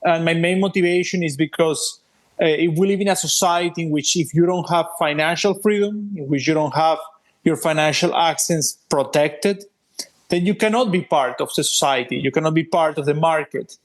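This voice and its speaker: A man's voice: on the high side, normal speed. A man with a Venezuelan accent, a native Spanish speaker, explaining his work as an interview guest. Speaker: interview guest, policy group president.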